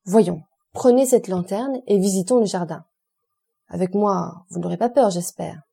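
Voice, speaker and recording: A cool, ironic aristocratic count giving orders with dry mockery, as a woman reads him in a storybook. The voice is mellow and softly breathy, calm and imperious, never hurried. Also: mid-range voice. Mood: cool commanding.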